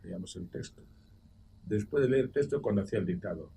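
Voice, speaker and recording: An older man from Equatorial Guinea, a former school director, telling animated anecdotes and acting out quoted voices on a television roundtable. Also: on the low side, fast, creaky, husky. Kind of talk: roundtable debate. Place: TV studio. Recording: distant mic with faint background noise.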